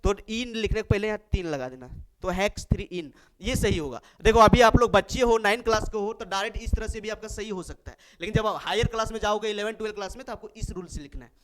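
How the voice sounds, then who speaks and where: A male chemistry teacher, lecturing in a high, smooth voice. He keeps it playful and affectionate, slowly counting carbons aloud and speaking the students' answers for them. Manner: playful, affectionate, calls students babu and munna; acts out students' replies in a sweet voice. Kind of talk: classroom lecture.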